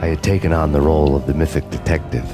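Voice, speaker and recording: An actor playing a world-weary noir detective in a video game, narrating in a grim, deadpan hardboiled style. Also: male voice, extremely low pitch, quick pace. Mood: grim, brooding. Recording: loud music behind the voice.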